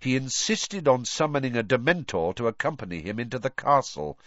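A man voicing a cold male professor who speaks low and measured, in a dull lo-fi recording. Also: big pitch swings, a bit bright, no room sound.

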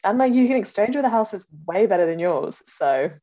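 A woman's voice: medium pitch, animated, fairly quick, warm tone, muffled recording. A young woman co-hosting a podcast in casual chat, making dry, teasing jokes. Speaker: podcast co-host.

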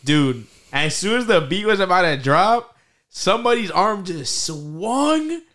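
Bright-voiced frat bro guy telling stories. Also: high voice, sing-song, a little slow. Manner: frat bro, slangy and profane bro talk. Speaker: podcast host. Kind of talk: casual chat, animated anecdote.

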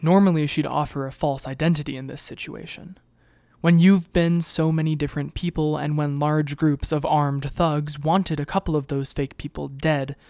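A narrator reading a webnovel as an audiobook in a steady, even storytelling manner on a close mic. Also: mid-range voice, dry recording.

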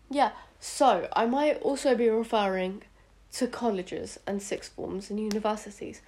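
A teenage girl of about 14 to 15, born in India and living in the United Kingdom, hosts a casual solo podcast in a British accent, sounding sick and sniffly. She is hesitant, rambling, and self-conscious. Her voice is medium in pitch and a little mellow.

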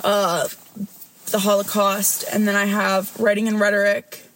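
A woman's voice: mid-range voice, monotone, unhurried, a bit bright, a little hiss or hum, poor audio. A young woman co-hosting a casual podcast, joking and exclaiming playfully. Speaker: podcast co-host. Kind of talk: casual chat. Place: inside a car.

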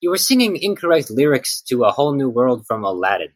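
A man in his late teens co-hosting a podcast, dry and deadpan as he corrects his friend in casual chat. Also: mid-range voice, quick pace, no echo, poor audio. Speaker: podcast co-host.

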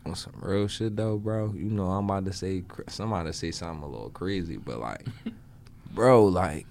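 A man in his thirties in a casual, slangy chat, musing at a relaxed pace as a podcast co-host. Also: low voice, normal speed, creaky, slight background noise. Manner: laid-back, slangy, musing.

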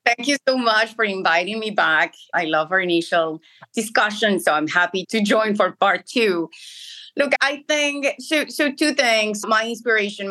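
A woman with a Colombian accent, a native Spanish speaker, earnestly answers questions as a guest in a conversational interview, often restarting her phrases. Her medium-pitched voice sounds pushed and bright, and the audio is poor.

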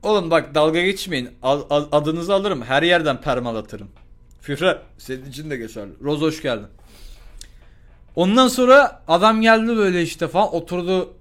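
A young man telling a school story to his live chat in a casual, profane, animated way, and acting out the people in it. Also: on the high side, moderate pace. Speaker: live streamer.

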